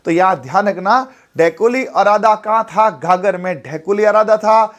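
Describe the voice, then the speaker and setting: Male teacher, higher pitch, animated, playful classroom delivery. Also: normal speed. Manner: lively, playful, acts out little dialogues and sound effects. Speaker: exam-prep teacher. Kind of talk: animated classroom lecture with mnemonic stories.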